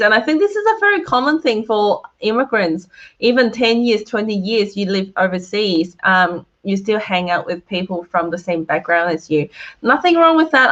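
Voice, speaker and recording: A woman's voice: fairly low pitch, fairly bright tone, lo-fi sound. A woman in her thirties from Hong Kong, giving a cheerful online talk with slides, laughing often and speaking to viewers in the chat. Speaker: guest speaker. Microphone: video call.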